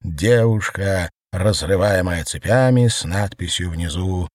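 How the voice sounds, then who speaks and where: A man's voice: sits low, a little slow, a little mellow, no echo. Man narrating a novel, dry sound. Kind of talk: audiobook reading of a novel.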